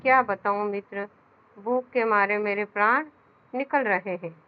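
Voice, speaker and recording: A woman's voice: mid-range voice, a little slow, clean tone, natural voice. A woman reading aloud the lines of a hungry, pleading male crocodile in a children's story. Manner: reads in a plain, explanatory voice. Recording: dull lo-fi sound.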